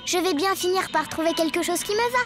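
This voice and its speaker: A woman's voice: extremely high pitch, fast talker, over music. A woman voicing a cheerful, carefree little superhero girl in a cartoon. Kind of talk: French cartoon voice acting.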